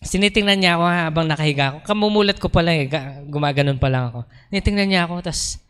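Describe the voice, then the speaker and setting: A man preaching at a church service in a Filipino accent. His voice sits a little high and rings out clean and resonant. He tells a personal story, moving between Tagalog and English. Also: fast, fairly bright tone, clean tone. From Philippines. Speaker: pastor. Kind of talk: sermon with personal testimony.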